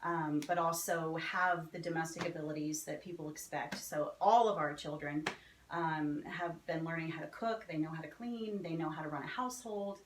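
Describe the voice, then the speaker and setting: A woman's voice: deep voice, normal speed. A woman in her forties with a New Jersey accent, chatting in an upbeat, easy way as an author being interviewed. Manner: chatty and upbeat, laughs easily. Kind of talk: casual interview chat. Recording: roomy with faint background noise.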